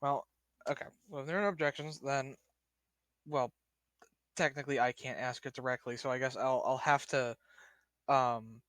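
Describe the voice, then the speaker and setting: A man's voice: medium pitch, steady tone, normal speed, pauses often, a bit bright. A man talks through his move in a tabletop game. He is casual and hesitant, circling back as he reasons, and the sound is dry with no room echo. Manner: hesitant, rambling, reasoning aloud. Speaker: player in a tabletop role-playing game.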